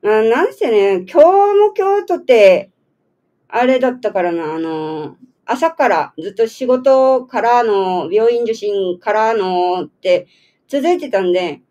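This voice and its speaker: A woman's voice: mid-range voice, lively intonation, takes it slowly, dark tone, lo-fi sound. A woman hosting a community radio show in casual chat, a little nasal from a cold, laughing and teasing. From Okinawa, Japan. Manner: chatty, laughs often, teasing questions. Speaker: radio host.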